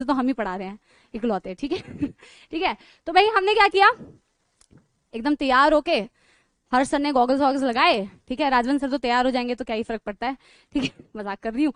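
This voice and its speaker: A woman teacher telling her students a funny story in a chatty, animated way. She keeps checking in with them and laughs as she goes. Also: sits high, no echo. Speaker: online teacher.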